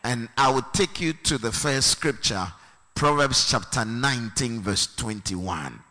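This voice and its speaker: Preacher, male, slow deliberate delivery with bright ringing tone, echoey church hall. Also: mid-range voice. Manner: slow and emphatic, rising to a sung, preaching cadence. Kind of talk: sermon. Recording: long reverb of a hall.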